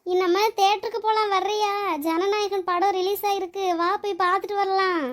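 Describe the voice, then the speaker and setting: Cartoon, friendly chatty neighbour, high voice, eager. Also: female voice, level tone, moderate pace. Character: chatty neighbour woman, film-loving.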